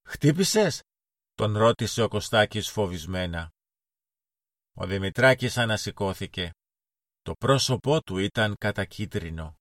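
A man narrating a children's story in a calm, even reading voice. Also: fairly low pitch, no room sound, studio quality.

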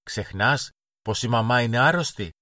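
A man's voice: medium pitch, expressive, bright, forceful tone, no room sound, clean studio sound, pitched above the performer's own voice. A man voicing a strict, bossy older girl in a children's storybook reading, scolding her younger siblings. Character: bossy older girl, stern big sister.

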